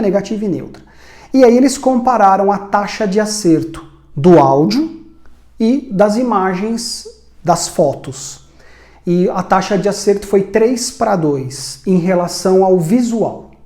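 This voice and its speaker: A man's voice: high-pitched, mellow, roomy sound. A man teaching about communication in a conversational explainer style, asking rhetorical questions and adding tag questions. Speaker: communication instructor. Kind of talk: educational explainer video.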